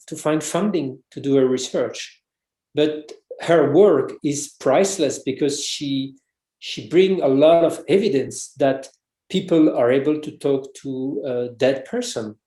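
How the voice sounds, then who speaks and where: An echoey room carries a warm, unhurried man's voice on the high side. He's a French researcher and author guesting in a casual interview, speaking English with a French accent, hesitantly and with many restarts.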